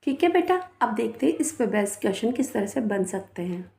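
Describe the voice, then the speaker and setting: Woman teacher with a rajasthan hindi accent, warm mellow voice, coaxing little kids through phonics. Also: a little high, very animated, gravelly, reverberant. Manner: slow, spells words letter by letter and repeats them; coaxing, often adds 'है ना' and 'बेटा'. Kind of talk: children's English phonics lesson.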